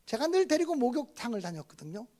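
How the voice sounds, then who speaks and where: High-voiced pastor preaching. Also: male voice, big pitch swings, quick pace. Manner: storytelling with swings from loud outbursts to soft asides; acts out family dialogue. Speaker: guest pastor. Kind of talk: revival sermon.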